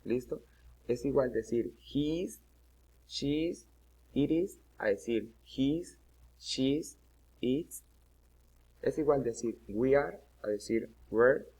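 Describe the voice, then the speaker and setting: A man's voice: medium pitch, a little mellow, husky. A man teaching an English grammar lesson, explaining step by step and often checking "¿listo?".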